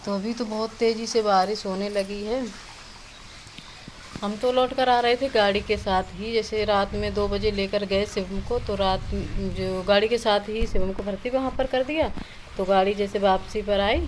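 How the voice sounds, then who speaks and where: A woman's voice: medium pitch, slight background noise, rough recording. A woman talking casually in a home vlog, rambling with many fillers. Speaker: village vlogger. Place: rural home, rain outside.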